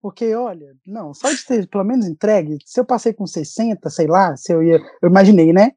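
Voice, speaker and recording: A high, brisk voice, mellow and slightly rough with no echo, belongs to a young Brazilian-accented man. He is a recent graduate guest at his desk at home, animatedly telling a story on a video call in an informal chat marked by lots of restarts.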